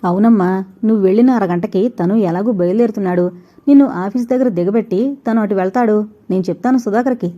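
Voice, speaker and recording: A woman voicing an older man in a storybook reading, speaking in a calm, kind, persuading way. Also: medium pitch, fast talker, dull audio, lightly acted. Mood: reassuring. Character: older man, a gentle concerned elder.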